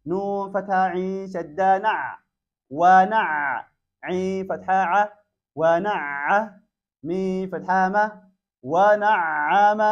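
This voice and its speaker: A man with a high voice leads a Quran reading lesson, spelling letter by letter before blending syllables into words. He moves at an unhurried, careful pace. The recording is dull and lo-fi. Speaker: Quran teacher.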